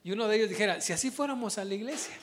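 A man's voice: high-pitched, rapid-fire, a little hiss or hum. A man preaching a sermon, asking his congregation questions as he goes. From Mexico. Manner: animated, asks the congregation questions.

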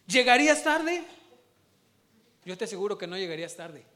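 Male preacher, high pitched, animated, questioning the congregation. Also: normal speed. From Mexico. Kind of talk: sermon.

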